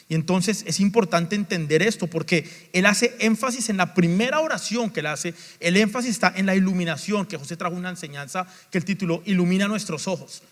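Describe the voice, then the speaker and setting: A pastor preaching a sermon, asking rhetorical questions and stacking lists, moving between quiet asides and loud emphatic peaks. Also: male voice, a little high. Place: church sanctuary. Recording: long hall reverb.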